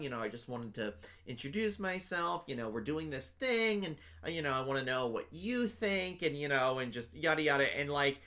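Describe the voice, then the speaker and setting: In a casual interview, a young man who serves as a convention panelist rambles along, full of fillers and restarted sentences. He has a medium-pitched voice that sounds bright and forceful.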